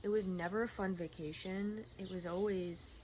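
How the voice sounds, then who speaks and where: A woman talking candidly in a personal vlog, in a rambling, halting, casual way, often repeating herself. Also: mid-range voice, steady tone, darkish tone. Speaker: personal vlogger. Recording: clearly noisy outdoor-like ambience, birdsong. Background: birdsong and environmental noise.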